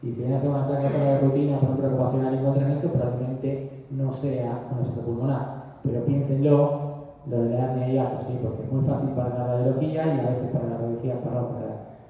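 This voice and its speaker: A man's voice: medium pitch, flat delivery, fast talker, dark tone. An older man giving a medical radiology lecture, explaining slides and often checking that his students follow. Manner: explanatory, frequently checks understanding with "¿sí?". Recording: distant, dull echoey room.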